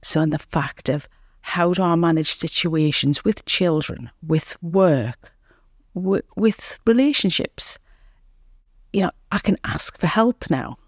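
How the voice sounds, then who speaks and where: A woman's voice: on the low side, takes it slowly, no room sound, clean studio sound. Earnest woman sharing her recovery story. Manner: earnest, repeating words, frequent "you know"; reflective storytelling. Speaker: podcast guest. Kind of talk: candid recovery interview.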